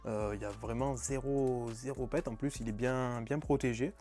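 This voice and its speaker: A man's voice: mid-range voice, fairly even intonation, moderate pace, mellow. A young man chatting casually as a vlog host, eagerly showing off his manga purchases with lots of fillers. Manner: enthusiastic, chatty, many fillers. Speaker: manga collecting YouTuber.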